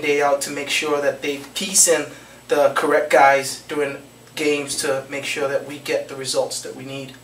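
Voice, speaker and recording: Young male footballer, post-game interview, flat steady delivery, mid-high voice, roomy office, mic a bit far off. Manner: steady, earnest, repeats phrases and restarts with um. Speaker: soccer forward, interviewee. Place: small office with trophy shelves, indoors. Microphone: handheld mic held out by interviewer. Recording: echoey room, mic a bit far, faint noise.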